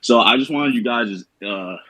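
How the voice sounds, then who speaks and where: A man's voice: medium pitch, normal speed, sharp tone, poor audio. A man from Atlanta with an Atlanta accent calling in to ask for trading advice, hesitant and slangy with many fillers. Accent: Southern US (Atlanta). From Atlanta, USA. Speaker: caller asking for advice. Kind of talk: casual chat.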